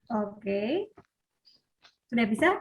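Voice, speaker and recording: A woman's voice: a little high, expressive, very slow. A woman teacher moderating a video-call session, encouraging pupils and calling them up in turn to ask their questions.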